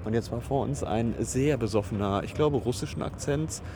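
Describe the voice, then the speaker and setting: Recording travel voice messages outdoors in a busy city, a man hosts a casual podcast, joking, teasing and sarcastic. His mid-range voice moves at normal speed over noisy street traffic.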